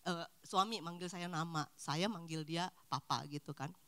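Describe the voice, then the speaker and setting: A woman's voice: lowish voice, normal speed. A middle-aged woman counselor talking casually to a church couples' group, acting out short everyday dialogues as she goes. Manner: animated, acts out little dialogues. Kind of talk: casual talk.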